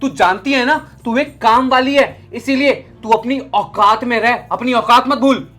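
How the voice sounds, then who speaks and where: A man's voice: very high-pitched, measured pace, bright, forceful tone, exaggerated voice. A young man playing an arrogant employer who harshly and contemptuously scolds his maid. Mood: angry scolding. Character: arrogant young male boss, short-tempered. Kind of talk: short film acting.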